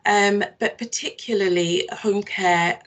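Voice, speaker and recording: A woman's voice: medium pitch, fairly even intonation, slow, fairly bright tone, low-quality recording. A middle-aged woman from London and Barbados giving reflective, thoughtful interview answers, picking her words as she goes. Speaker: social worker being interviewed.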